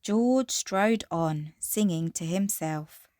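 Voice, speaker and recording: A woman reading a children's storybook aloud in an expressive, measured fairy tale opening manner. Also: lowish voice, no echo, clean studio sound.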